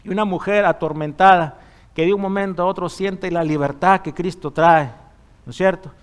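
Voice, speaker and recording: A man's voice: high voice, fairly even intonation, normal speed, clear, resonant tone. A man preaching a sermon in church, in a conversational way, often asking the congregation rhetorical questions. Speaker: pastor.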